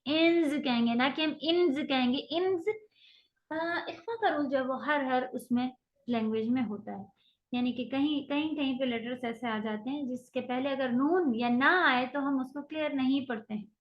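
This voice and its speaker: A woman teaching a recitation class, explaining rules patiently and modeling long drawn-out sounds. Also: high-pitched, dull audio. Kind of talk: online tajweed lecture.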